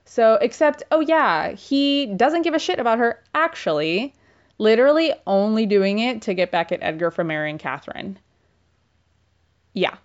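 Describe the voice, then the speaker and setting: A woman's voice: fairly high pitch, sing-song, normal speed. A young woman gives a casual book summary in a chatty, irreverent voice. She leans on filler words and slang. The recording sounds slightly dull and lo-fi.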